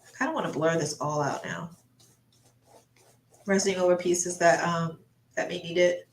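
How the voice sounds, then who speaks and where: An artist livestreaming while painting chats casually, rambling and thinking aloud with a stuffy nose and mouth breathing. Her voice is lowish at normal speed, and the sound is roomy and echoey.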